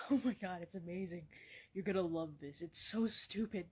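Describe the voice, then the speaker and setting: A woman acting out comedy sketches, swearing casually and bantering in a deadpan way. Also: on the low side, moderate pace, husky. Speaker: sketch comedy creator playing all roles.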